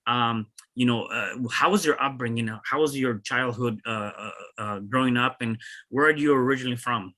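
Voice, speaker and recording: Bright-voiced male podcast host, halting. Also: medium pitch. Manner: halting, many fillers and restarts. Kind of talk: interview.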